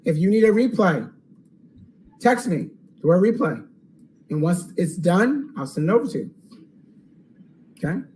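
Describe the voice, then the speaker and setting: A man hosting a live webinar Q&A, upbeat and salesy, checking in with "okay?" and going hoarse. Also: high-pitched, big pitch swings, a little slow, pauses often, darkish tone, a little hiss or hum, rough recording. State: losing his voice. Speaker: online course host.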